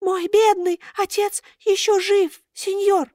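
A woman's voice: extremely high pitch, little pitch movement, slow, warm tone, dry recording, studio quality, voice pushed up. A woman voicing a small wooden puppet boy who talks in a thin, plaintive, pleading wail.

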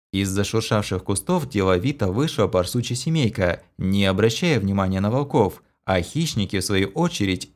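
A man reading a fantasy novel aloud as an audiobook narrator, dramatic and measured. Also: lowish voice, a little mellow.

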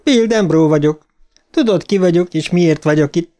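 A man's voice: a little high, warm tone, soft background music, pitched above the performer's own voice, lightly acted. A man voicing a brave young boy in an audiobook, defiant and stuttering as he confronts a monster. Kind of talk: audiobook character voice.

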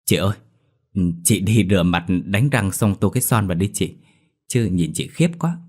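A man's voice: on the low side, lively intonation, moderate pace. A man doing a whiny, jumpy young man. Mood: shrill. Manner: whiny, shouts in fright. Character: panicky cheeky young man.

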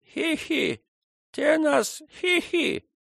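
A man voicing a toothless old native woman who once nursed the heroine. She speaks slowly and tenderly, mumbling through bare gums, in a thin, raised voice. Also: animated, creaky, a bit bright, dry recording, clean studio sound, exaggerated voice. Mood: mumbling, surprised. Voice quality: mumbling, lisping toothless speech. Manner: slow, high, tender. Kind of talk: audiobook character voice.

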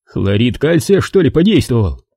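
Sarcastic grouchy corporal, as a man reader puts him on, dark and husky. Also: medium pitch, very animated, moderate pace, no room sound, studio quality. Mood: grumpy. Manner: grumbling, sarcastic. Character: grumpy irritable male army corporal.

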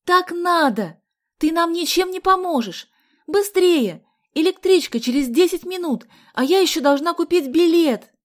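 A woman's voice: mid-range voice, animated, normal speed, mellow, lightly acted. A woman reading an audiobook aloud, voicing a determined, commanding teenage girl. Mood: urgent, shouting. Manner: urgent, commanding. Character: determined teenage girl Galya, bossy and brave. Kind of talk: audiobook character voice.

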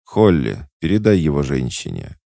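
A man with a deep, gravelly voice reading the lines of a proud, jealous immortal queen who speaks coldly and commandingly. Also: huge pitch swings, moderate pace, mellow, no room sound, studio quality, heavily acted. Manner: cold, imperious, mocking.

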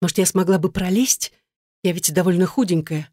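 A woman's voice: on the low side, a little fast, dark tone, no room sound, studio quality, natural voice. A woman voicing a frightened young woman who pleads for help and sounds tearful. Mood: frightened, pleading. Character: terrified young woman trapped in a hotel.

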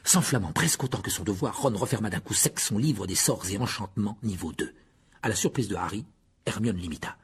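Raspy guy reading a kids' novel aloud, voice swinging all over. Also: lowish voice, a little fast. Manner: expressive storytelling. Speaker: audiobook narrator. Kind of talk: scripted narration.

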